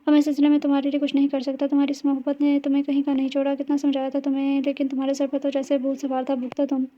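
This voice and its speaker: A woman's voice: high-pitched, completely flat delivery, rapid-fire, dark tone, lightly acted. A woman voicing a stern, exasperated middle-aged father who scolds his daughter. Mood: scolding. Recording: dull lo-fi recording.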